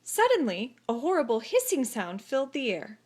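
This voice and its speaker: High, animated woman reading a storybook. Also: a little hiss or hum. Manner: dramatic, deliberate phrasing with emphatic pauses. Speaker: storybook reader. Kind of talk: expressive children's story narration.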